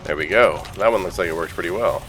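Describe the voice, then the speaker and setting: A man's voice: low-pitched, fast, fairly bright tone, soft background music. A man doing casual gameplay commentary, reading game text aloud with dry, joking asides. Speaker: gaming video host.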